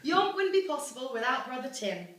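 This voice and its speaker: In an echoey room at a family celebration, a daughter reads aloud the rhyming celebratory poem she wrote for the gathering. She's a young British woman with a high, fairly bright, sing-song voice, speaking fairly quickly. A distant mic picks her up with faint noise.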